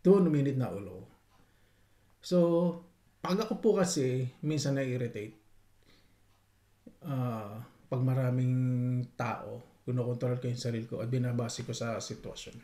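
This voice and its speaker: A man's voice: mid-range voice, unhurried, long pauses. A young Filipino man casually and politely telling stories from his life abroad, acting out the people he quotes. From Philippines. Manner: polite, animated, acts out quotes. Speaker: vlogger. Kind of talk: casual storytelling. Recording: echoey room.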